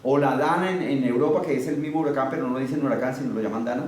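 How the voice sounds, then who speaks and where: A man's voice: medium pitch, racing, a little mellow. A man preaching a sermon emphatically, firing rhetorical questions at his listeners. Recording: very echoey, far from the mic, faint noise.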